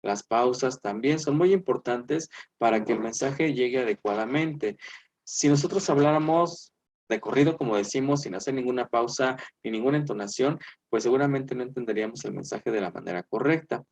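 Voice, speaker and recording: A male teacher runs an online class in a chatty manner, his medium-pitched voice slightly mellow. He fills pauses with "eh" and "este" and checks in with "¿verdad?".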